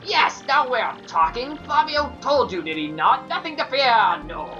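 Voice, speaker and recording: A man's voice: very high voice, big pitch swings, unhurried, pushed and bright, dull audio, faint music behind, pitched above the performer's own voice, exaggerated voice. A man voicing a vain, flamboyant dandy ship captain in an affected, fluting, pompous way for a video game. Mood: gleeful, boastful. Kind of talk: video game character voice-over.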